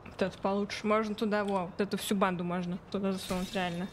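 A woman streams as a vtuber, chatting casually and muttering reactions as she plays. Her voice sits at a middle pitch and she swears freely. Faint game ambience runs behind her. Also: little pitch movement, quick pace. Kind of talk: casual livestream gameplay commentary. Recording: game sounds and noise behind voice. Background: video game ambience.

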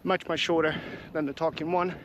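A man's voice: a little high, fairly even intonation, brisk, fairly bright tone, a little hiss or hum, poor audio. A man with an English accent chatting casually to camera while hiking outdoors on hilly trails. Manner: chatty, friendly, talks while walking uphill. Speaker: hiking vlogger. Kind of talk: casual walking vlog chat to camera. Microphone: camera mic while walking.

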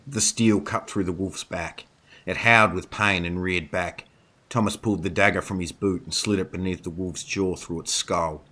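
Deep-voiced male storyteller. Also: steady tone, normal speed, sharp tone. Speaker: narrator. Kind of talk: scripted narration.

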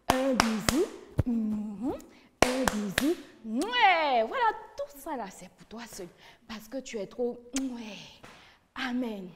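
A woman's voice: high-pitched, big-room sound. A woman leading a children's church lesson with songs, coaxing and encouraging the little ones with questions. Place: church hall.

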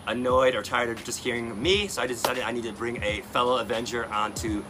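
Sitting outdoors in a garden area near apartment blocks, this American host from New York runs a chatty interview for his video channel, peppered with fillers and questions and moving between English and Mandarin. He talks a little fast in a mid-range voice, with background noise present.

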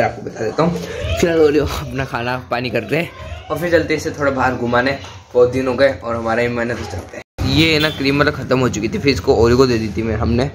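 A man's voice: medium pitch, noisy background. A man talking casually to the camera in a home vlog, chatty and often laughing as he plays with family. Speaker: vlogger.

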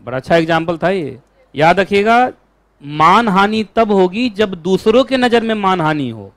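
A man teaching a law class, lecturing in an animated way and asking his students questions all the time. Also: high voice, normal speed, dry recording.

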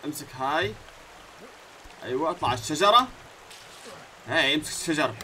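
A man with a Levantine Arabic accent giving let's-play commentary as a gaming YouTuber, talking to himself and the game and swinging between low muttering and sudden yells. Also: expressive, a little fast, a little hiss or hum, rough recording.

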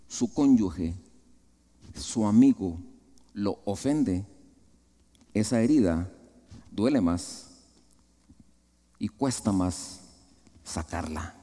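A man with a Guatemalan Spanish accent preaching a sermon, rising high, then dropping to soft, low asides. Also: expressive, very slow, pauses often. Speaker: pastor. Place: large church hall. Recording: long hall reverb.

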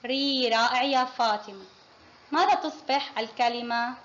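High-voiced woman teaching kindergarten phonics. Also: normal speed, fairly bright tone. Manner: patient, praising, quizzing pupils one by one. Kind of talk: classroom phonics lesson. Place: classroom. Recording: muffled lo-fi with faint noise.

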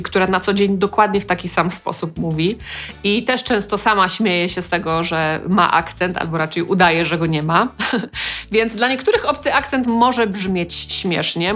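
A woman from Poland hosting a language lesson, explaining clearly with light humor. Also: mid-range voice, a bit bright. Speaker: language teacher host. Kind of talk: educational vlog.

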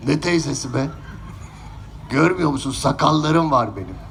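A grumpy bearded shadow-puppet man who scolds in exasperation, as a man puts him on. His voice sits lower and gravelly. Faint ambient noise lies underneath. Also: lively intonation, moderate pace, a bit bright. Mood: exasperated. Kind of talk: shadow puppet show voice acting.

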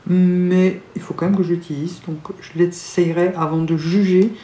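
A woman's voice: lowish voice, level tone, moderate pace, warm tone. Chatty, gushing woman in an echoey room. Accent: French. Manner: chatty, gushing, laughs often. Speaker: beauty vlogger. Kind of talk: casual chat. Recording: echoey room, faint noise.

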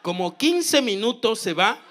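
A man in his thirties doing stand-up comedy, telling a story in a deadpan way, repeating phrases and then breaking into sudden loud bursts. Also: high voice, unhurried, some chatter behind. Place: comedy stage.

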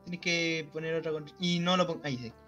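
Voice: medium pitch, a little fast, fairly bright tone, highs cut off, faint music behind. A gamer, chatting casually with a friend, giggly and narrating what is on screen. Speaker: gaming friend. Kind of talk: casual gaming chat.

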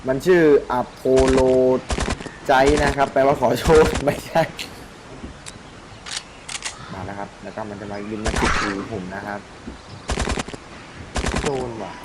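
A man's voice: fairly low pitch, normal speed, long pauses, heavy background noise. A man hosting a gaming channel, talking casually over his gameplay, joking and swearing freely. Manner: chatty, swears freely, jokes to himself. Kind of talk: casual game commentary.

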